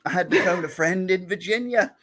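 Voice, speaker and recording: A man's voice: sits high, brisk, fairly bright tone, voice pushed up. Man putting on a drifting foreign-sounding accent. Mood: playful. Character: male limerick reader in a drifting put-on accent. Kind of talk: limerick reading.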